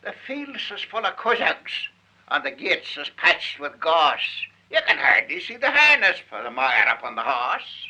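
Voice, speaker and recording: On a 1948 archive field recording, a Manx language student from the Isle of Man recites dialect verse in a theatrical, emphatic style with a Manx accent. His voice is on the high side, sing-song, pushed and bright, at a measured pace.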